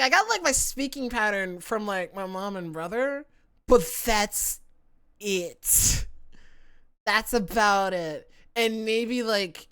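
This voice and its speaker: Her mid-range voice has a sharp tone. A young adult woman with a Southern American accent shaped by internet influences, she's livestreaming casual chat from her home setup, playful, giggly and self-mocking.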